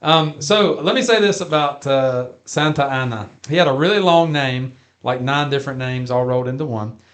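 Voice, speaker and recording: A man in casual podcast chat, folksy and joking as he goes. His pitch sits in an ordinary middle range. He stretches out some phrases with a homespun drawl. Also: fairly bright tone. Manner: folksy and jokey, drawn-out phrasing. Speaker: podcast co-host.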